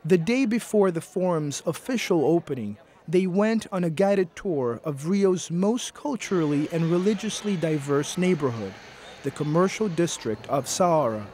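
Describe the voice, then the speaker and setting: A man giving scripted documentary narration in a measured, even delivery. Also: fairly high pitch.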